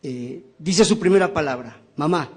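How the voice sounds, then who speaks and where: Man, somewhat high voice, professorial author talking through his book, keeps checking in with the crowd. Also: expressive, moderate pace, a little mellow. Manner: professorial, rhetorical questions and tag questions. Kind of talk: lecture-style book presentation.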